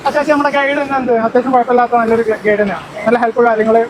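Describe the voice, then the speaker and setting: A woman's voice: on the high side, racing, a crowd in the background. A woman casually vlogging to viewers, mixing English words into her Malayalam. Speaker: travel vlogger. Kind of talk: casual spoken vlog commentary. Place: outdoors on a trek. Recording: very noisy outdoor trail recording.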